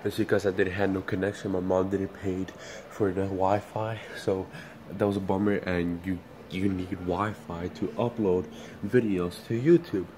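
A man's voice: low voice, fairly even intonation, normal speed, noisy background. A man vlogging casually from inside a store, rambling and stumbling over restarts, recording on a handheld phone. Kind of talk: casual vlog chat. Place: indoors in a store.

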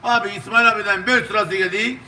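High-pitched Turkish man calling a live auction. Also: steady tone, quick pace, pushed and bright, slight background noise. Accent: southeastern Turkish. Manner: repetitive auctioneer patter, constantly addressing bidders. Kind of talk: live auctioneer calling bids to online viewers.

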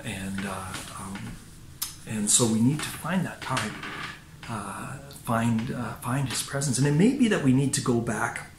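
An older man, a pastor, gives a sermon from his living room to a webcam, speaking haltingly with many fillers and restarts. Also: mid-range voice. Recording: roomy home recording with faint noise.

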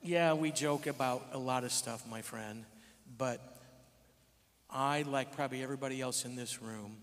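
A middle-aged man standing on stage, teasing a friend and then speaking warmly about him as his best friend. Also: mid-range voice, moderate pace. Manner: playful teasing, emphatic, emotional. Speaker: church member giving tribute. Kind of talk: joking then heartfelt tribute speech. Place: large church auditorium with live audience. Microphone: handheld mic, standing on stage. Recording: long hall reverb.

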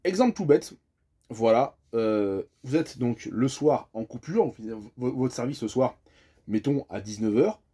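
A bus driver from France goes over how a tachograph operates, his mid-range voice mellow, slightly rough and lively in intonation, never rushed. He chats warmly, stumbling through plenty of hesitations and fillers as he explains each step.

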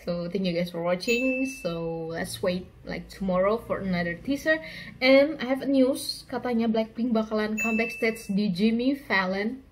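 A woman's voice: mid-range voice, normal speed, low-quality recording. A woman in her twenties with an Indonesian accent, chatting casually to the camera as a reaction vlogger. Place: small bedroom, indoors. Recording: noticeable background noise.

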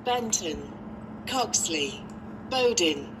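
A woman's recorded train station announcement reads the calling points in a slow, even recital. It plays through a platform speaker. Clear background noise sits behind the voice. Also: lowish voice.

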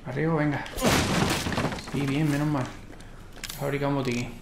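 A man with a Spain accent and a gravelly, medium-pitched voice gives casual game commentary. He mutters and swears as he goes, in an echoey sound with music behind. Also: level tone, normal speed, very noisy. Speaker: gaming streamer. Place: indoor room at home.

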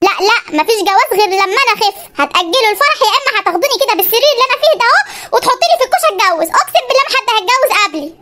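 Cartoon mom, bossy and self-pitying, Egyptian accent, chipmunk-sped voice, bright and shrill, voiced by one performer. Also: big pitch swings, rapid-fire, hardly any pauses, full character voice. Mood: whiny. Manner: scolding, self-pitying nagging. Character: bossy middle-aged mother, newly remarried bride.

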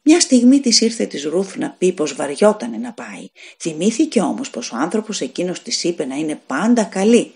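A woman who reads audiobooks, narrating a fairy tale in an expressive storytelling way. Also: on the low side, creaky, hardly any pauses. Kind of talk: scripted narration.

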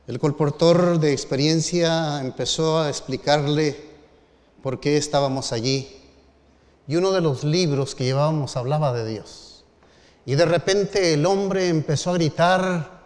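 A middle-aged man, a pastor telling a story in a sermon with measured phrasing and dramatic pauses. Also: fairly high pitch, darkish tone. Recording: long reverb of a large hall.

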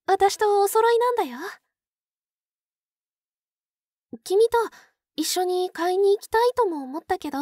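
Woman acting a very high-pitched, sweetly possessive yandere. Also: darkish tone, no room sound, clean studio sound. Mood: excited, affectionate. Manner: coaxing, cooing, talks as to a pet. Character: obsessive yandere older-sister type, sweetly possessive captor. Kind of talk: Japanese ASMR role-play.

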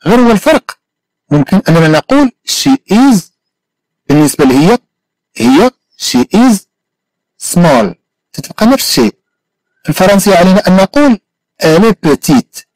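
A man with a Moroccan Arabic accent teaching an English lesson, repeating each phrase slowly and carefully. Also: high voice, big pitch swings, darkish tone, dry recording, rough recording. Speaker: language teacher.

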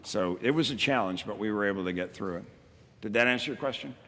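A fast-talking middle-aged man with a lowish, sharp voice gives a keynote as county emergency services director. He speaks plainly into a podium mic in a large, reverberant hall, takes questions from the audience, and stumbles through frequent ums and restarts.

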